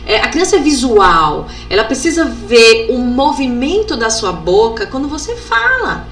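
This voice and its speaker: A woman from Brazil, an educational psychologist giving a workshop, sounding out letters and syllables slowly and ending phrases with tag questions. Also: a little high, big pitch swings, a bit bright. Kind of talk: instructional workshop talk. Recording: echoey room with faint background noise.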